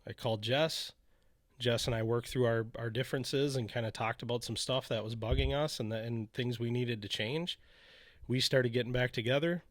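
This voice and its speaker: A man talking through a personal story on a podcast in a loose, rambling way, throwing in frequent "you know"s and "right?"s. His voice sits in an everyday middle register. It is recorded close and dry, with no room echo. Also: medium pitch. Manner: candid, rambling retelling with many "you know" asides. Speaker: podcast co-host telling his faith story. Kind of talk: casual storytelling conversation.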